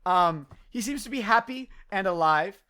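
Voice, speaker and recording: A woman's voice: mid-range voice, lively intonation, moderate pace, sharp tone. A woman running a tabletop game as game master, rambling and filling gaps with ums and uhs. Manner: rambling, full of ums and uhs, laughs easily.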